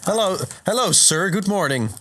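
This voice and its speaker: A man's voice: high-pitched, animated, normal speed, bright, forceful tone, slight background noise, voice pushed up. A man voicing a polite, eager male moth creature going door to door. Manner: prim, eager, courteous.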